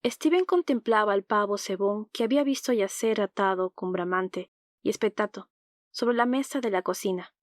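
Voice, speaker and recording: A woman narrating an audiobook in a calm, even reading voice, close to the mic. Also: mid-range voice, moderate pace, no room sound.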